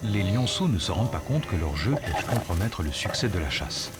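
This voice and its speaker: A man reading scripted nature documentary narration in a measured, explanatory storytelling manner. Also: low-pitched, very animated, heavy background noise. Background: music under the voice.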